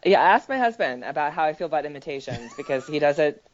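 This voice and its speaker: A woman's voice: sits low, animated, fast. A woman co-hosting a casual sports podcast, chatty and teasing her co-host. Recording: dry, dull lo-fi podcast audio.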